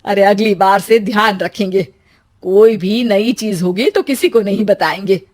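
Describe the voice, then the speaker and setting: A woman's voice: mid-range voice, measured pace, darkish tone, close to an everyday voice. Woman voicing an earnest young husband. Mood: dejected. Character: earnest young husband, plain-spoken, easily let down.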